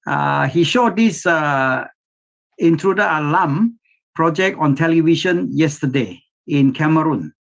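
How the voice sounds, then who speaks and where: Male meeting host on a video call, higher voice with a strong gravelly edge, brief guest introductions. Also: animated, unhurried, highs cut off.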